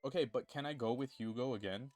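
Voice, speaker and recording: A man's voice: mid-range voice, fast, darkish tone, soft background music. A young man streaming a game, reading its lines aloud in a playful, jokey, rambling way. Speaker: gaming streamer.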